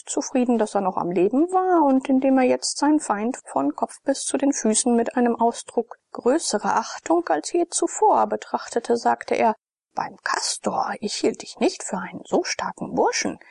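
A woman narrating a classic novel as an audiobook, reading in a dramatic, expressive way. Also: fairly high pitch, gravelly, dry recording.

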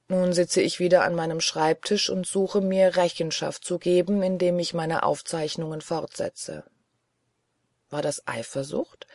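An audiobook narrator reading a literary novel in first person, in a measured, earnest way. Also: mid-range voice, creaky, darkish tone, no room sound, studio quality.

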